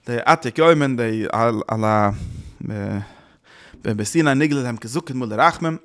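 A man giving a Torah lecture with an animated, chant-like delivery, repeating words and breaking into sudden loud bursts. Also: medium pitch, normal speed. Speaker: Torah teacher. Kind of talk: Yiddish-inflected Torah lecture.

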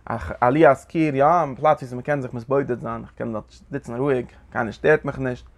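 Guy giving a torah class, gravelly voice, animated, keeps asking "ja?". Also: mid-range voice, a little fast. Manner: animated lecturing with frequent questions to listeners. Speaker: Torah teacher. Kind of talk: Zohar lesson.

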